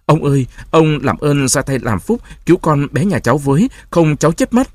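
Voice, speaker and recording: A man's voice: mid-range voice, big pitch swings, a little fast, no echo. A man voicing a desperate grieving peasant mother who wails and pleads. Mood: pleading. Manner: wailing, pleading.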